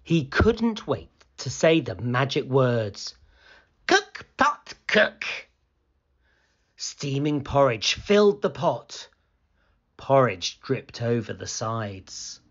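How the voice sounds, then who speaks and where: A man reading a children's storybook aloud as a channel host, in a slow, expressive, sing-song bedtime-story manner. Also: medium pitch. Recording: slightly dull lo-fi sound.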